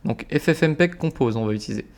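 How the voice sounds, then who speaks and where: A young man explaining a software automation setup step by step in a casual, informal way, with frequent fillers and slang. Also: medium pitch, animated, fast talker. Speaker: automation tutorial creator. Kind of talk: casual screen-recorded tutorial.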